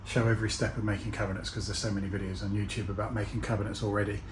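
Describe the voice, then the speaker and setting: Chatty low-voiced man vlogging. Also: level tone, racing, noisy background. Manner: self-deprecating, chatty. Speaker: DIY vlogger. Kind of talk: casual talk to camera.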